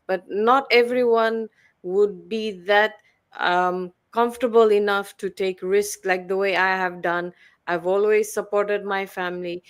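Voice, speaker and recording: A woman, a guest mentor telling her story earnestly and persuasively, with frequent fillers and restarts. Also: medium pitch. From Fiji. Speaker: guest, online business mentor. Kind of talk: promotional personal-story talk.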